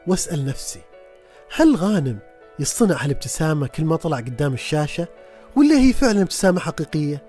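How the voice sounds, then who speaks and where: Quick, lively reflective narrator over music. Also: medium pitch. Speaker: documentary narrator.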